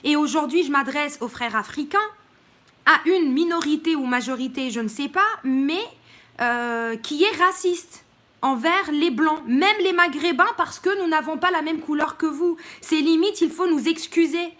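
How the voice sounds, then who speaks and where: Speaking at normal speed in a high, somewhat bright voice, a woman from Morocco talks frankly to her live-stream audience. She welcomes viewers as she goes, blunt in opinion yet frequently stalling mid-sentence.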